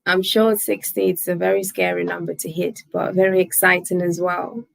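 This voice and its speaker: Livestream host, woman in her twenties, gravelly tone, dry close sound, chatty, laughs a lot. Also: lowish voice, little pitch movement, moderate pace, no room sound, poor audio. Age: 20s. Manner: chatty, laughs often, thanks viewers by name. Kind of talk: casual live chat reading viewer comments.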